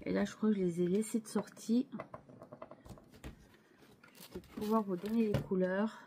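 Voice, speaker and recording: A woman's voice: mid-range voice, steady tone, normal speed, warm tone, a little hiss or hum. A woman hosting her scrapbooking channel, chatting casually as she shows her craft pages, hesitant and full of restarts, with chatty asides to viewers.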